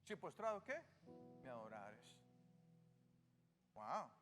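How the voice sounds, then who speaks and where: In a reverberant church hall with music playing, a male pastor with a Salvadoran Spanish accent delivers a sermon slowly in a sing-song, mid-range, fairly bright voice. He often asks the congregation questions and then answers them himself.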